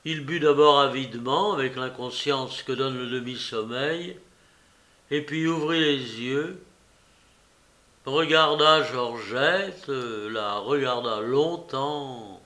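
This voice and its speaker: A man reading a classic novel aloud as audiobook narration, slow and deliberate. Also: mid-range voice, sharp tone. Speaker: audiobook reader.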